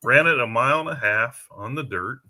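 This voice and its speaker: A man's voice: mid-range voice, normal speed, pushed and bright. A man hosting casual live commentary, chatty and thinking aloud, often trailing off mid-sentence.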